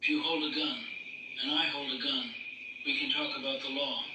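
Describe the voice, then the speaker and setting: A man delivering a scripted monologue in a measured, solemn, declarative way. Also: medium pitch, flat delivery. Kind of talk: scripted monologue on power and truth. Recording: echoey, distant, noisy playback.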